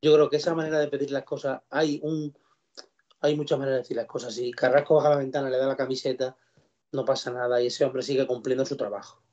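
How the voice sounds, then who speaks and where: Mellow-voiced man in discussion. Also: medium pitch, little pitch movement, quick pace. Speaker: talk panelist. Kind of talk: casual discussion. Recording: dull lo-fi sound.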